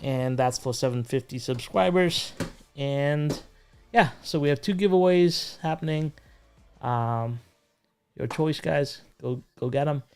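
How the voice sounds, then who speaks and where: A man's voice: a little high, unhurried, a little mellow, faint music behind. A man hosting a casual livestream chat, rambling with plenty of fillers and restarts. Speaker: host.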